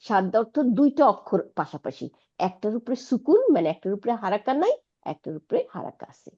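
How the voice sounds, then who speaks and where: A woman's voice: mid-range voice, sing-song, brisk, darkish tone, breathy edge, lo-fi sound. A woman teaching an Arabic lesson, patiently explaining and asking her students checking questions. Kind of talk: online Quranic Arabic lesson.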